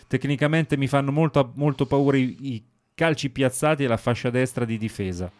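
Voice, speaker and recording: A male radio host with a mid-range voice talks football. He moves between relaxed studio chat and reading out messages sent in by listeners. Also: mid-range voice, fairly quick.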